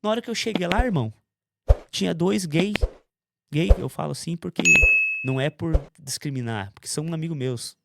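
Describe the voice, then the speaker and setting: A man's voice: on the high side, brisk, vocal fry, heavy background noise. Intense man telling his story. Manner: intense, animated storytelling with quoted voices. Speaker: guest giving testimony. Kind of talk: conversational testimony.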